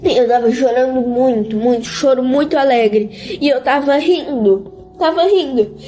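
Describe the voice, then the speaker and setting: A woman giving an emotional religious testimony in an interview, speaking in a halting, repetitive way and often close to tears. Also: sits high, dark tone, faint music behind.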